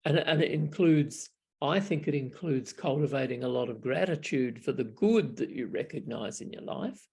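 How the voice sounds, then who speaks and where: Over a webcam on a video call, an older Australian monk of the Buddhist tradition chats casually from a small room at home. His medium-pitched voice is gravelly, darkish and slightly rough, at a normal speed. His stories are wry and reflective, full of chuckles and frequent restarts.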